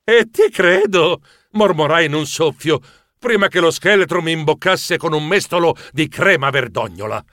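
A man narrating a children's story with playful theatricality. His voice sits a bit high and moves expressively, recorded close and dry. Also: expressive, moderate pace, pushed and bright, no room sound. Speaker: audiobook narrator.

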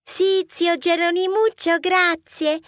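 A woman's voice: very high voice, little pitch movement, slow pace, fairly bright tone, dry recording, studio quality, exaggerated voice. A woman voicing a cheeky, playful young girl mouse in an audiobook, with a teasing manner.

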